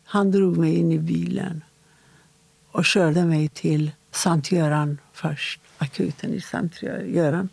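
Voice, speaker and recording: A woman with a deeply gravelly, fry-laden voice and a husky edge, recounting a personal story for an interviewer. She speaks in a halting, measured way, with short pauses between phrases. The sound is close and dry. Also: steady tone, a little mellow, no echo.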